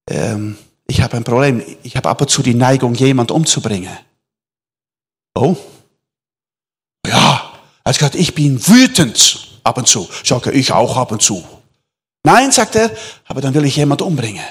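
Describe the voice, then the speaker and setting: A man preaching a sermon to a congregation, animated, swinging between loud emphatic lines and soft near-whispers. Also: medium pitch, breathy edge.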